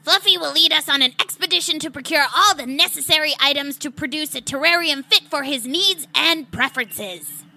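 A woman's voice: high-pitched, brisk, creaky, pushed and bright, exaggerated voice, poor audio. A woman voicing a clingy, bossy young alien girl who talks dramatically. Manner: dramatic, needy. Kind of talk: comedy audio drama.

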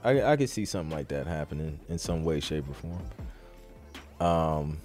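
This podcast host has a rumbling low voice, slightly mellow and animated, moving at a normal speed with faint music behind him. Reading questions in a casual live Q&A, he answers in a rambling, think-aloud way full of "like" and "you know."

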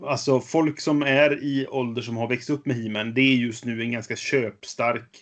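A man co-hosting a casual board game news chat. He speaks in a measured, hesitant way, with a mildly cynical edge. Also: medium pitch, fairly even intonation. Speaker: podcast co-host.

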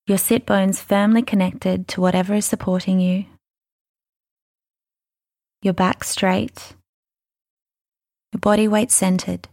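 A woman leading a guided mindfulness meditation, speaking softly and soothingly, unhurried and gentle, with breathy phrase endings. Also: mid-range voice, little pitch movement, dry recording, clean studio sound. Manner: soothing, unhurried, gentle instruction with long pauses.

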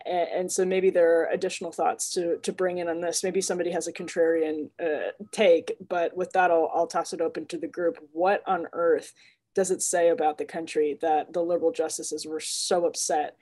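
A woman with a somewhat low voice co-hosts a podcast panel. She talks in a casual, thinking-aloud way and often restarts her phrases mid-sentence. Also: level tone, moderate pace, darkish tone. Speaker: podcast co-host.

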